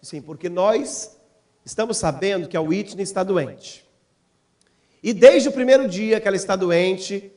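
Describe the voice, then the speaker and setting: Middle-aged male missionary preacher, higher pitch, vivid storytelling into a fervent church appeal. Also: darkish tone. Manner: storytelling, acts out quoted voices, rising to fervent appeal. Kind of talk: sermon testimony.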